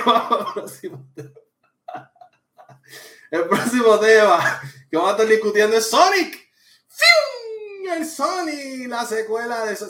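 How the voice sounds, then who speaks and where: A man hosting a live-stream podcast, ranting and joking in slangy casual talk. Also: high voice. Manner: joking, animated, slangy rants. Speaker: podcast host reading live chat. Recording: echoey room.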